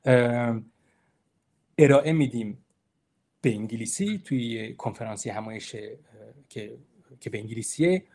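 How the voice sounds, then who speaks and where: Husky-voiced male lecturer, chatty and encouraging. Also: mid-range voice, darkish tone. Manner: conversational and encouraging, with rhetorical questions; explains terms and repeats points to stress them. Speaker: university lecturer giving a presentation. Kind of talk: informal online lecture.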